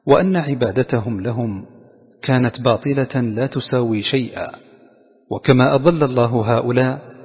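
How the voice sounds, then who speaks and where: A husky man reads a Quran commentary in a measured, formal way. His voice trails off into a long reverb, and the sound is dull and lo-fi. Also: medium pitch. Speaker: tafsir narrator. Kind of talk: scripted narration of Quran commentary.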